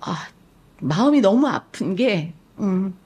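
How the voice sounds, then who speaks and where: A woman's voice: mid-range voice, animated, slow pace, a little mellow, slightly rough. A woman who works as a psychological coach, telling a story on a live stream and acting out the lines people said in a TV scene. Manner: retells a TV scene vividly, acting out quoted lines; emotionally engaged, admits crying at the scene.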